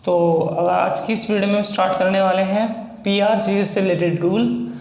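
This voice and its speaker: Man, shorthand teacher, high voice, echoey room, patient step-by-step explaining. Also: steady tone, gravelly, darkish tone, a little hiss or hum. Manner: explains slowly, repeats sounds and steps. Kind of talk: casual spoken lesson.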